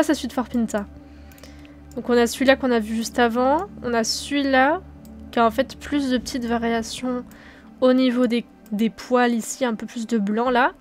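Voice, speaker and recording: A young woman with a French accent, chatting calmly and casually over her gameplay, with lots of small fillers. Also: fairly high pitch. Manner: calm, relaxed, chatty with many fillers. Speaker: gaming youtuber.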